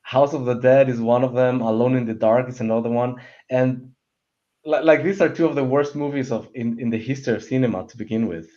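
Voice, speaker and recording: A man with a mellow, mid-range voice talks fairly quickly as a panelist on a film discussion show, chatting casually about opinions. He rambles and stammers, often restarting sentences, and the lo-fi audio sounds dull and muffled.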